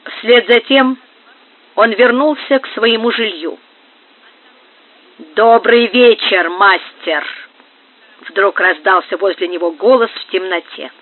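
A narrator reading a historical adventure novel aloud in an even storytelling manner. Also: medium pitch, moderate pace. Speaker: audiobook narrator. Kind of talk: scripted narration. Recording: narrow phone-like sound.

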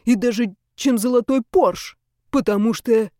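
A woman's voice: on the high side, measured pace, mellow, no echo, studio quality, natural voice. A woman voicing a brash, teasing young man who talks in pushy slang.

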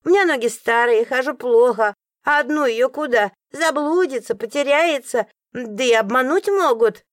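A woman's voice: high voice, normal speed, no room sound, studio quality, voice pushed up, lightly acted. A woman playing a sugary fussy old landlady. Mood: sugary fussing. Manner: sugary, fawning, grumbly. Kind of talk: audiobook character voice.

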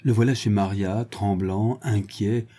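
A man reading a literary short story aloud in a measured, expressive manner. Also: lowish voice, husky. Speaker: audiobook reader. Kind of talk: literary narration.

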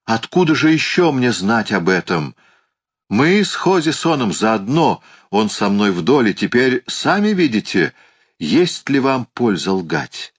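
Guy doing a cocky highlander, loud and mocking, pushy, voice jumps way up. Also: very animated, unhurried, slightly rough. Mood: bullying. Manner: blunt, scornful, bargaining hard. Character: bold mocking Highland swordsman, man. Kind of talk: audiobook character reading.

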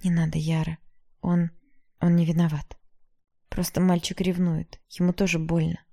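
Audiobook figure: weary, kind mother, quiet and soothing, mellow tone, read by a woman. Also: lowish voice, flat delivery, moderate pace, vocal fry. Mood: gentle. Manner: soft, tired, soothing. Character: gentle weary middle-aged mother, forgiving.

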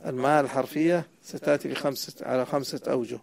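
Guy teaching grammar, gravelly voice, keeps asking the student questions. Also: medium pitch, fairly even intonation, fast. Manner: asks the student questions and corrects answers. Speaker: sheikh teaching Arabic grammar. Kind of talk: explaining a grammar poem to a student.

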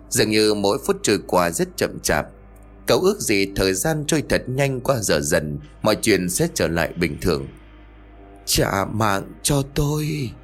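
A man narrating a ghost story in a suspenseful, expressive way, with faint music behind. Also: fairly low pitch.

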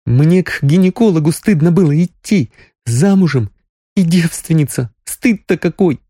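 A man voicing a tearful, spirited young woman doctor in an audiobook, his voice pushed up high and emotional. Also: sing-song, normal speed, mellow, no room sound, studio quality. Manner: raised falsetto-like voice, sobbing, emotional. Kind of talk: audiobook character reading.

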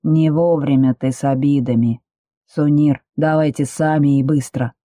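A man's voice: a little high, steady tone, moderate pace, mellow, no echo, clean studio sound, lightly acted. A woman reading an audiobook, voicing a tense, commanding man who is the heroine's beloved, speaking curtly. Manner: curt, commanding.

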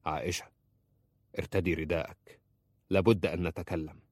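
A man's voice: low-pitched, flat delivery, moderate pace, dry recording, clean studio sound. A man voicing a stern, harsh husband who speaks in cold, commanding tones in an audiobook.

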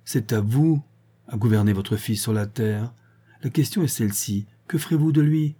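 A man voicing a sharp-tongued young woman who speaks in a brisk, firm, reasoning way. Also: mid-range voice, breathy edge, close to an everyday voice.

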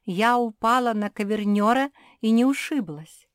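A woman's voice: on the high side, moderate pace, no room sound, clean studio sound, pitched above the performer's own voice, lightly acted. A woman voicing a plucky, frank young female dog who talks cheerfully and directly.

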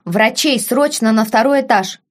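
A woman's voice: fairly high pitch, normal speed, close to an everyday voice. A woman voicing a nobleman duke who gives clipped, curt orders. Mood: commanding.

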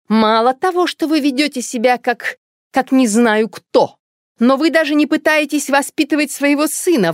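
A woman reading an audiobook, voicing a haughty, shrill, spiteful middle-aged woman who scolds a neighbor. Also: dry recording, clean studio sound.

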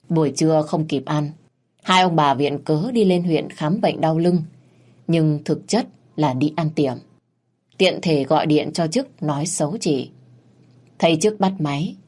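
A woman narrating a story in a steady, plain way. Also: sits low, breathy edge.

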